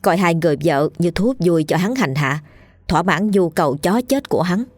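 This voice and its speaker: Woman narrating a ghost story, low dry voice. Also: normal speed, no room sound. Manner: steady, dramatic storytelling. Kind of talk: scripted narration.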